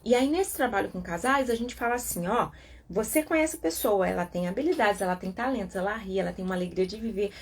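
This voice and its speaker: A woman's voice: mid-range voice, fast, slightly rough. A Brazilian woman hosting a live talk on codependency, asking herself rhetorical questions and acting out the voices of others. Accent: Brazilian Portuguese. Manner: animated, rhetorical, acts out quoted voices. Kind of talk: casual live talk about a self-help book.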